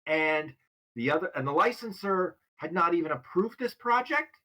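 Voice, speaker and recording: A podcast co-host speaking bluntly and with emphasis, with a pitch that swings up and down a lot. The pitch sits in the middle range. The chat is casual and full of strong opinions. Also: lively intonation, normal speed, pushed and bright.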